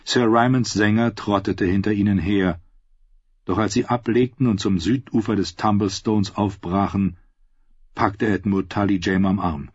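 A male audiobook narrator with a low, husky voice and a slow, measured delivery. The recording is dry and slightly dull. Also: dry recording. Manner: measured, steady reading. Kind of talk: scripted narration.

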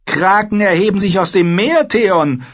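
A man reading an audiobook, voicing a sharp-tongued, mocking young noblewoman who lectures her brother. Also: high-pitched, expressive, unhurried, muffled recording, voice pushed up. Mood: scornful. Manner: scornful, lecturing, needling. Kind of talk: audiobook character voice.

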